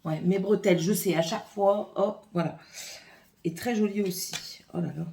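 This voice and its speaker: A woman's voice: mid-range voice, fairly even intonation, moderate pace, mellow, slight background noise. A woman vlogger filming a casual makeup haul at home on her phone, chatting and thinking aloud as she opens and swatches products. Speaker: beauty vlogger. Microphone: phone camera.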